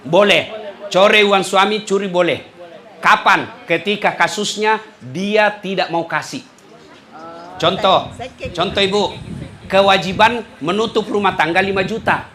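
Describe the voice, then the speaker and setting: A man's voice: high-pitched, measured pace, pauses often. A man preaching a humorous sermon to a live audience, acting out the voices of the people in his stories. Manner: animated, acts out voices of listeners and himself.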